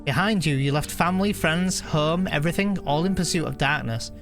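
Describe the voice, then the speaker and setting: With music in the background, a high-voiced man live streams a video game and talks casually. He stumbles through reading the on-screen text aloud, frequently correcting himself.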